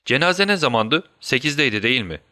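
A man's voice: mid-range voice, lively intonation, fairly quick, bright, forceful tone, dry recording, clean studio sound. A man voicing Sherlock Holmes, a brilliant, restless detective who speaks urgently and gives commands, in an audiobook. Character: brilliant, restless male detective in his prime. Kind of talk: audiobook character voice.

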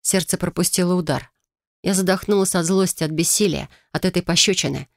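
A narrator reading a first-person romance novel in an even, measured storytelling manner. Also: mid-range voice, vocal fry, no room sound, studio quality.

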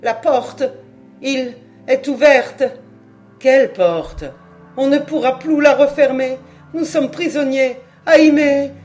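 A woman's voice: high voice, slow, darkish tone, faint music behind, voice pushed up. A woman reading an audiobook voices a panicked male ship captain, shrieking in a strangled voice. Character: panicked Levantine male captain, grotesque and terrified.

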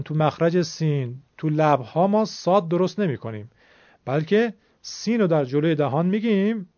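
A man teaching Quranic letter pronunciation on a radio lesson, explaining patiently and demonstrating sounds slowly. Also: on the high side, darkish tone, no room sound. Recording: dull lo-fi broadcast sound.

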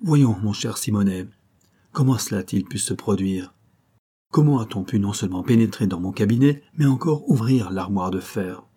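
Man reading as a fretful middle-aged minister, exclaiming, low husky voice, dark tone, audiobook. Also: animated, normal speed. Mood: stern. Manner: agitated, then hearty and exclaiming. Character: anxious middle-aged male government minister.

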